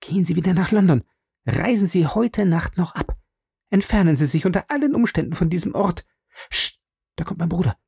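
A man voicing a young woman who gives urgent, hurried warnings on a lonely moor. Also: sits high, animated, creaky, a little mellow, breathy edge, dry recording, studio quality, pitched above the performer's own voice, exaggerated voice.

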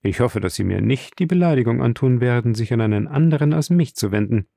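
A man's voice: medium pitch, lively intonation, quick pace, vocal fry, warm tone, dry recording, studio quality. A man reading the part of a wealthy, composed count in an audiobook, courteous with a touch of irony. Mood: calm, courteous. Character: suave wealthy count, calm and commanding.

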